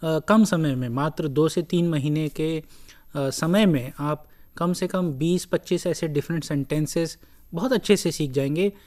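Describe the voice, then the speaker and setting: A lecturer giving a recorded lesson, speaking deliberately in short broken phrases and repeating key words. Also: medium pitch, a little mellow. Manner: slow, deliberate, breaks phrases into short pieces. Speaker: language lecturer.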